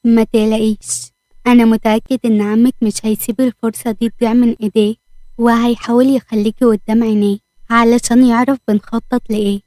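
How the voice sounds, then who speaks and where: Woman voicing a steady, persuasive young man. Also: a little high, fast talker, dry recording, lightly acted. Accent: Egyptian. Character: young man in trouble, calm and commanding.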